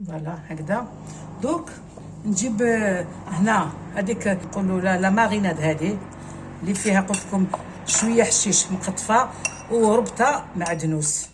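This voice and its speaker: This Algerian-accented cooking host casually explains a recipe step by step, dropping French words in as she goes. Her medium-pitched voice moves at a moderate pace with long pauses, against background noise.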